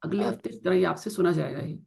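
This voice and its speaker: A woman teaching Quranic Arabic grammar in an online class, explaining in Urdu mixed with English and slowly drawing out the Arabic example words. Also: lowish voice, creaky, dark tone. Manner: slow drawn-out pronunciation of Arabic example words, asks students to confirm.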